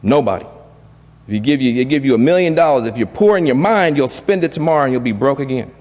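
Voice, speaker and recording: A man voicing his stern, fearless middle-aged father, a school principal with a deep voice and a blunt, no-nonsense way of talking. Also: expressive, fast, a little mellow, natural voice. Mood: firm. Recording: reverberant lecture hall.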